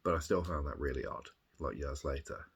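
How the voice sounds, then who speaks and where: A man with a Birmingham accent talking casually and reflectively in a video diary, husky, rambling and hesitant as he thinks things through. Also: rumbling low, a little fast. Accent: Birmingham English. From Birmingham, England. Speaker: video diarist. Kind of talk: casual reflective chat, recounting.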